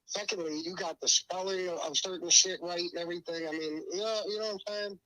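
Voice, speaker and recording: A man's voice: high voice, steady tone, quick pace, sharp tone, low-quality recording. A middle-aged man calling in over a speakerphone, blunt and profane, his mouth numb from the dentist. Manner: blunt and profane, repeating himself. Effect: heard over a speakerphone. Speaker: caller. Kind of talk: casual call-in chat.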